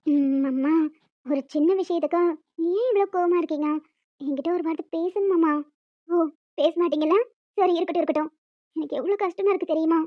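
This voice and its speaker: A clingy young village wife, high and girlish, pleading and chattering on without pause, as a woman voices her. The recording is dry and a little dull, with no room around the voice. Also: dry recording. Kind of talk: Tamil audio romance drama.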